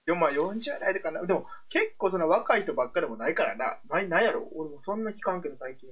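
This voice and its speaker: A man's voice: a little high, very animated, fast talker, a bit bright, slightly rough. A young man with a Kansai accent co-hosting a casual late-night radio chat, laughing often and trailing off into fillers. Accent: Kansai Japanese. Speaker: radio show co-host.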